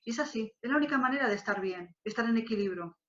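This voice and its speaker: A woman's voice: a little high, expressive, rapid-fire, a bit bright. Thoughtful, hesitant woman guest. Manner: thoughtful, hesitant, many fillers. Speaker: interview guest, wedding planner. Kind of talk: reflective conversation. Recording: slightly dull lo-fi audio.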